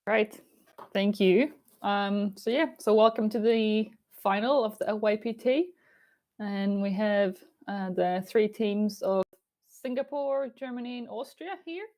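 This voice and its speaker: A woman's voice: medium pitch, measured pace, darkish tone. A woman chairing an online event in a semi-formal way, speaking over a video call. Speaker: chair and host.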